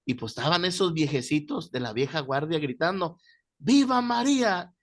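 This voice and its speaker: A man lecturing a Bible class. His voice sits slightly high. He tells stories in an animated way and throws himself into the quoted voices. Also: fairly quick. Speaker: Bible teacher.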